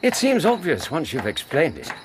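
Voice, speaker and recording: An English man acting in a radio drama as a loyal Victorian gentleman doctor, admiring and puzzled, on a noisy recording. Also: on the high side, huge pitch swings, normal speed.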